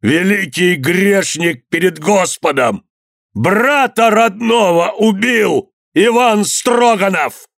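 A man putting on a slow-spoken convict confessing. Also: fairly high pitch, gravelly, no echo, clean studio sound. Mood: accusing. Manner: slow, pleading and declaiming. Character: condemned male convict confessing before a crowd.

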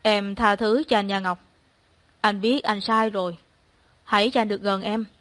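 A woman voicing a gentle, devoted young man who pleads softly and comforts his girlfriend. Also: mid-range voice, fairly even intonation, moderate pace, dry recording, natural voice. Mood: tender, pleading. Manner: soft and coaxing.

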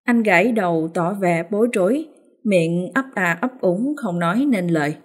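Brief: female storyteller, scripted narration, lower register. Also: normal speed. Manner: even, storytelling.

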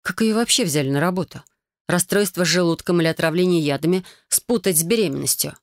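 A woman reading a first-person fantasy novel aloud in a steady, even storytelling manner. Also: fairly low pitch, quick pace, no room sound, studio quality. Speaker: audiobook narrator. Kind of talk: first-person audiobook narration.

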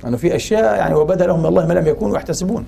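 Man, lecturer, rapid delivery, mellow tone, rhetorical questions. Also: high-pitched, creaky, a little hiss or hum. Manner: poses rhetorical questions and pauses on filler sounds. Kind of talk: religious and cultural lecture.

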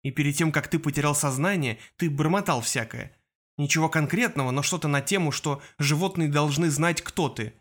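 A man voicing a calm, reassuring teen boy. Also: fairly high pitch, fairly quick. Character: steady loyal teenage boy friend.

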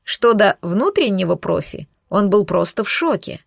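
A woman narrating a fantasy audiobook in the first person, reading in a lively, dramatic way. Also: medium pitch, moderate pace, vocal fry, no echo, studio quality.

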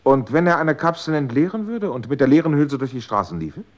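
A man's voice: a little high, expressive, brisk, muffled recording, lightly acted. An actor playing an anxious, pleading man in a 1960s radio drama.

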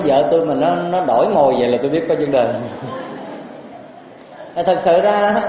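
A male monk with a Southern Vietnamese accent gives a folksy, teasing dharma talk and keeps putting questions to the audience, in a very echoey temple hall. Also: high voice. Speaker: Buddhist monk teacher. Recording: very echoey hall, dull lo-fi sound, faint noise.

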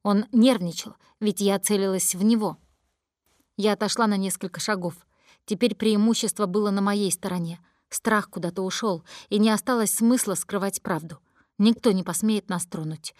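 A woman's voice: medium pitch, darkish tone, dry recording. Woman narrating a tense audiobook, dry. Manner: tense, dramatic storytelling. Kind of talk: first-person audiobook narration.

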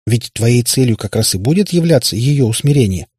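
A man's voice: medium pitch, lively intonation, fairly quick, a little mellow, husky, voice pushed up. A man voicing a sad warlock father who rambles in pompous explanations. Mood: weary. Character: male warlock father, sad and long-winded.

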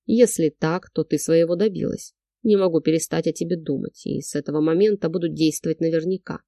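A woman's voice: steady tone, fairly quick, dark tone, no room sound, clean studio sound. A woman voicing a brash, possessive young man who hisses and growls his lines in an insinuating, domineering way. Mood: menacing. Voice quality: low hissing, growling delivery.

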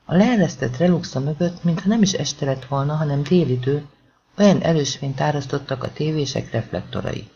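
A man narrating a crime audiobook in an expressive storytelling manner. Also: on the high side. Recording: dull lo-fi recording.

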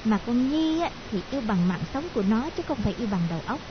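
A woman's voice: fairly high pitch, animated, fast talker, close to an everyday voice. A woman voicing a worried young woman confiding chattily to a friend, in a hissy lo-fi audiobook recording. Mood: fretful.

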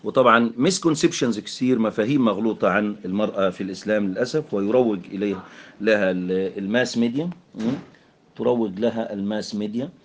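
A man with an Egyptian accent teaching English grammar in Arabic, mixing in English terms and filling pauses with "aah". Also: on the low side. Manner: explanatory, mixes English terms, frequent fillers.

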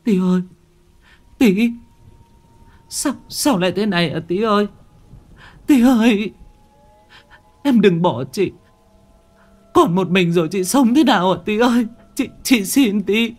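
A man's voice: sits high, animated, a little slow, long pauses, pitched above the performer's own voice. A man voicing a grief-stricken young woman who wails and pleads over her dead little brother in a ghost story. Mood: wailing. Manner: wailing, sobbing, pleading.

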